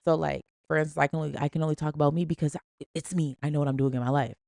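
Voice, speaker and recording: A woman's voice: deep voice, fairly even intonation, very fast, vocal fry, dark tone, no room sound, studio quality. A woman hosting a podcast, giving an emphatic, slangy, preachy motivational talk in a casual style. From Springfield. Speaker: podcast host.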